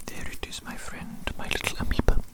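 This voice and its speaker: Speaking fairly quickly in a natural voice, an ASMR performer plays an eccentric evil doctor who fusses over a tiny creation in a whispered medical roleplay. He mutters and theatrically repeats phrases close to the microphone, sounding doting and busy.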